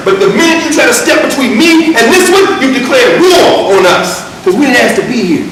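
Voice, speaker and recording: A man teaching a university class, reading from a text and breaking into animated, emphatic asides. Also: high-pitched, far from the mic, a little hiss or hum. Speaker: university lecturer. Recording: echoey lecture room recorded from afar.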